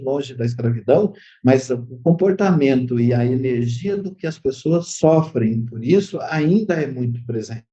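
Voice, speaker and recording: Brazilian man, mellow voice, hesitant. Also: a little high. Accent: Brazilian Portuguese. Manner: hesitant, many fillers and restarts. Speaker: therapist, interview guest. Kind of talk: explanatory interview talk. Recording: dull lo-fi audio.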